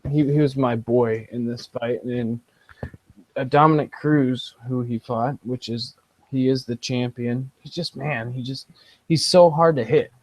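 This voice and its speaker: A man's voice: medium pitch, unhurried, no echo, rough recording. A man co-hosting a podcast in casual chat, rambling with restarts. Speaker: podcast co-host.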